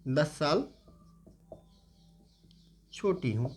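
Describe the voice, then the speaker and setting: A man in his twenties teaches an exam-prep reasoning class in Hindi mixed with English, using tag questions. He goes slowly, repeating words as he writes on a board, in a husky, slightly high voice with big pitch swings.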